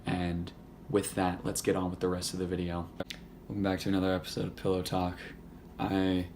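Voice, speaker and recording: Hoarse young man with a low voice. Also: monotone, a little fast, a little mellow, a little hiss or hum. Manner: rambling, profane and joking. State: hoarse, voice nearly gone. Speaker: YouTuber. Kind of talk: casual gaming chat to camera.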